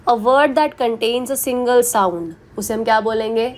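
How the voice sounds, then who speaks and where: High-voiced woman teaching English grammar. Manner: patient, reassuring, repeats example words slowly. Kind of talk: Hindi-English classroom explanation.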